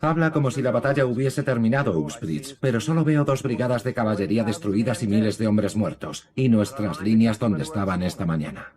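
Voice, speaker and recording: An actor playing a sober, reproving British army commander in a dubbed historical drama. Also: male voice, on the low side, animated, brisk, few pauses, a little mellow, lightly acted. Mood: grave, sober.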